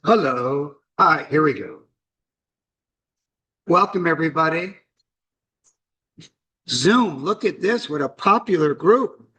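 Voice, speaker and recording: A man running a club meeting in a relaxed, joking way, welcoming members and guests. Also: fairly high pitch, recorded from a distance, poor audio. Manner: relaxed, joking, slow-paced. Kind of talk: casual meeting chat.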